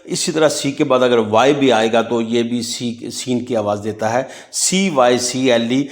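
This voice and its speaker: A man giving a phonics lesson, spelling words out letter by letter. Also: medium pitch. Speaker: English teacher.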